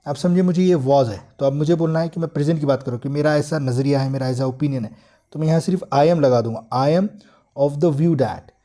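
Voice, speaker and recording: A man from India teaching English grammar in an online lesson, explaining step by step and drawing out each example sentence slowly. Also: a little high, mellow.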